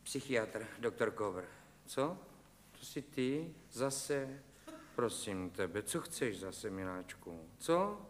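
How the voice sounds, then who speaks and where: A man's voice: on the low side, lively intonation, a little hiss or hum, natural voice. A man playing a fussy, stammering psychiatrist who is henpecked at home, in a television comedy sketch. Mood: exasperated. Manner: fussy, stammering, repeating "ano". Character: harried male psychiatrist, henpecked husband. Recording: reverberant studio, live audience laughing.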